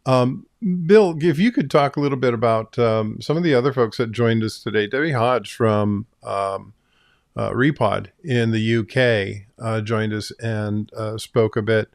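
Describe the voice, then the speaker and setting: A man's voice: lowish voice, measured pace, gravelly, no room sound, clean studio sound. A man hosting a live-stream interview, passing questions to his guests in a conversational way. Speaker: host.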